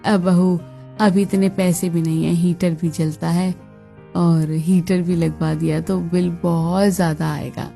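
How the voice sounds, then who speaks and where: A woman voicing an older, bossy mother-in-law in a cartoon, speaking in a lower, slower scolding tone. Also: level tone, vocal fry, warm tone, soft background music.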